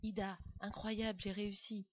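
A woman voicing an excitable young schoolboy who gets carried away by his own story, in a dull, dry recording. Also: mid-range voice, moderate pace, dry recording, close to an everyday voice. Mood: awed. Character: excitable young schoolboy writer, dreamy and eager.

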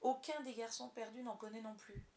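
A woman's voice: fairly high pitch, steady tone, fairly quick, dark tone, slight background noise, pitched above the performer's own voice, lightly acted. A woman voicing a cocky, wheedling boy who never grows up, in a roomy recording. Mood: casual. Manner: boastful, wheedling. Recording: roomy echo.

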